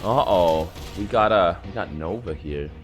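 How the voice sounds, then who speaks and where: A man with a stuffy nose giving casual, rambling gameplay commentary, chatting with his viewers and breaking into surprised excitement. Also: deep voice, unhurried. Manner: laid-back, rambling, chatty with viewers as "boys". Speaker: gaming YouTuber. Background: game music and sound effects.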